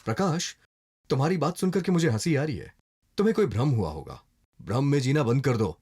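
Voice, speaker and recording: A man's voice: medium pitch, big pitch swings, a little fast, a little mellow, breathy edge. An actor dubbing a confident male police investigator who lectures patiently and slips English phrases into his speech. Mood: firm, persuasive. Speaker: police officer. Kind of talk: dubbed film dialogue. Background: film score music.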